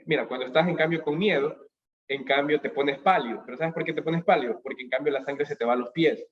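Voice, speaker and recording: Guy lecturing over a video call, animated, answers his own questions, kinda muffled lo-fi audio. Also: on the high side, fast. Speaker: speaker at a business school talk. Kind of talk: motivational lecture on emotions. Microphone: webcam on a video call.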